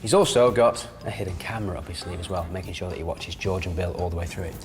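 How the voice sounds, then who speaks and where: A man's voice: low-pitched, fast talker, in a large hall. A man hosting a TV prank show, chatty and jokey as he presents to camera.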